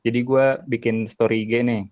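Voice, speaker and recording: A man's voice: mid-range voice, little pitch movement, brisk, a little mellow, muffled recording, slight background noise. A young man co-hosting a podcast in casual chat, telling a story in a laid-back way. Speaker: podcast co-host.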